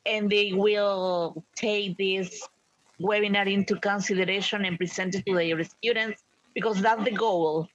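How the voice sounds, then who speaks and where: A woman's voice: mid-range voice, steady tone, a little slow, no room sound. A woman hosting a webinar over a video call, thanking the presenter and the audience effusively in casual talk. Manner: effusive, thanks people often. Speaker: webinar host. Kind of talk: casual online chat. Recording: dull lo-fi call audio with faint noise.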